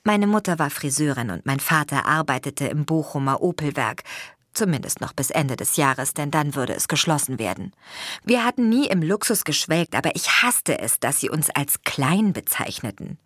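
Woman, young adult, audiobook narrator, expressive, lively pitch, dry close-miked sound. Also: moderate pace, no room sound. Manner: expressive, acts out dialogue.

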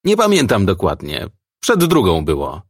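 A man's voice: low voice, wildly swooping pitch, moderate pace, husky, no room sound, studio quality, heavily acted. A man doing a curt, grumpy old village woman. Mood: gruff. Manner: curt, rude, snapping. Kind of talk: audiobook character voice.

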